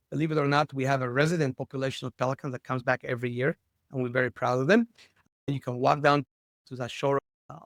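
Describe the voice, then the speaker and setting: A man's voice: mid-range voice, dry recording, clean studio sound. A middle-aged man born in Lebanon, a school superintendent chatting cheerfully as a guest over a video call, with light jokes. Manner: cheerful and joking. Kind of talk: casual interview chat.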